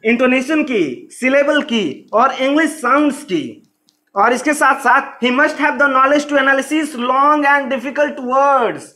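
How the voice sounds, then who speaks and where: A man's voice: very high-pitched, a bit bright. A man teaching an exam-prep lecture on English teaching methods, explaining in Hindi mixed with English terms and repeating key phrases.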